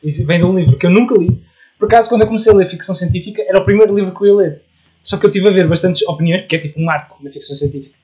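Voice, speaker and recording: Young Portuguese male co-host, rapid, bright-pitched, casual slang, lo-fi sound. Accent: European Portuguese. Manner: playful, uses slang and English gamer words. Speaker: podcast co-host. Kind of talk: casual chat.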